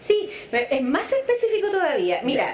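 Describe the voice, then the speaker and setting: Her voice sits high with huge pitch swings, and she talks fast. She is a middle-aged psychologist from Chile, raised in Venezuela, thoughtfully stretching words for emphasis in a conversational interview, recorded in a roomy space with a crowd behind her.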